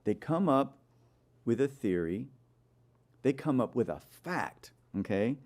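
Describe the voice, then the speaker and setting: A man's voice: mid-range voice, very animated, a little slow, a little mellow. A man giving a sermon-style Bible study lecture, telling stories and throwing rhetorical questions at his listeners. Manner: storytelling with rhetorical questions to the audience; frequent "okay?" checks with listeners.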